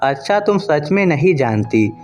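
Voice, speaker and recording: A man voicing an angry young husband who shouts accusations at his wife. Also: a little high, big pitch swings, moderate pace, soft background music.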